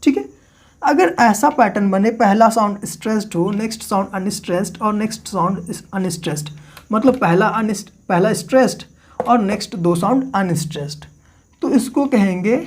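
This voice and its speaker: Lecturing in classroom style, a man who teaches literature speaks with a high, darkish voice that has a breathy edge. His questions to the class get answered by him, and he repeats key terms at a slow pace so they can be written down.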